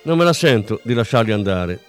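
A man's voice: on the low side, sing-song, fairly quick, soft background music. A man reading aloud, voicing a brusque, no-nonsense senior policeman.

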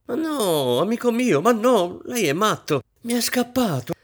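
A man voicing a fussy, vain, middle-aged rich woman who snaps orders in a shrill, overwrought way. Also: very animated, moderate pace. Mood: frantic, bossy.

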